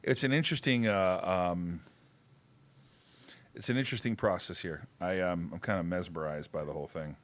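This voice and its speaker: A man hosting a casual livestream show, talking in an excitable, rambling way and repeating himself. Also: low voice, normal speed. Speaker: show host.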